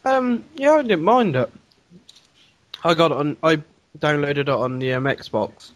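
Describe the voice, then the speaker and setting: A man's voice: fairly high pitch, expressive, a little slow, no room sound. A man chatting casually about video games on a podcast, laid-back and hesitant. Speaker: podcast guest.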